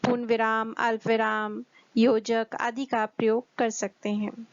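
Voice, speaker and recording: A woman teaches young students with a slow, careful delivery. Her voice sits somewhat high, and she stops often to ask the class questions. The recording is dull and lo-fi, with no room echo. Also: level tone. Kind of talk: Hindi grammar lesson for children.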